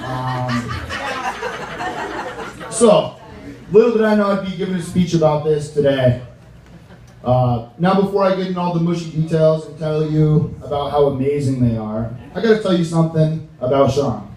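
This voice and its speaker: A young American man giving an informal wedding toast as best man, halting and joking, with slangy wording. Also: a little high, lively intonation, dark tone. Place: large reverberant room with a reacting crowd. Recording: echoey room, distant mic, audience noise.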